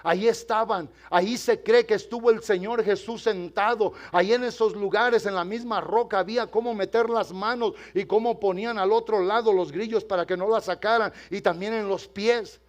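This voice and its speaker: An older man, a pastor, preaching a sermon to a congregation, moving from quiet storytelling to loud, impassioned preaching and addressing the listeners directly. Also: sits high, fairly even intonation, moderate pace, hardly any pauses, lo-fi sound. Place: church.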